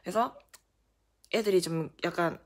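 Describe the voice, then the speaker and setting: A young adult woman vlogger telling a story in a casual storytime style, animated and full of fillers. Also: fairly low pitch, moderate pace.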